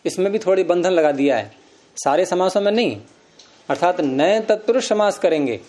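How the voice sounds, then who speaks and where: A man's voice: high-pitched, lively intonation, normal speed, a little mellow. A man teaching Sanskrit grammar, explaining step by step and quizzing his students with questions. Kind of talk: classroom lecture.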